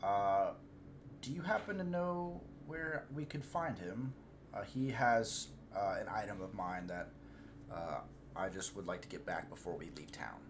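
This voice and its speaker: Man, tabletop player, hesitant, lots of uhs, lowish voice, noisy recording. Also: animated, unhurried. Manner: hesitant, filler-heavy. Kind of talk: casual tabletop play.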